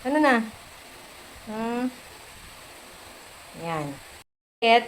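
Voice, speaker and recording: In poor audio with slight background noise, a Filipina woman speaks very slowly in a fairly high, expressive voice, vlogging from home while feverish and sweet-talking her cat in baby-talk with frequent giggles.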